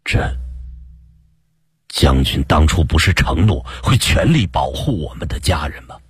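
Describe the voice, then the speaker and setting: A man's voice: extremely low pitch, expressive, a little slow, husky, no echo, full character voice. A man voicing an alarmed male colleague who presses with incredulous questions.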